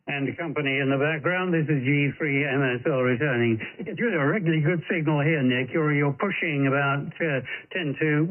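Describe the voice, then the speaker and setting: A man, an amateur radio operator, talks politely on an on-air contact, pausing often, heard over a narrow shortwave radio signal. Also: mid-range voice. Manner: polite, chatty, many pauses and fillers. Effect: narrow shortwave radio sound.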